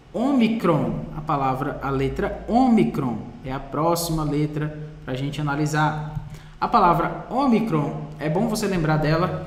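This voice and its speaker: Brazilian man, Greek teacher, slightly high voice, patient repetitions, roomy hall echo. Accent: Brazilian Portuguese. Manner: patient, repeats words slowly, asks "certo?" often. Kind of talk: classroom lecture.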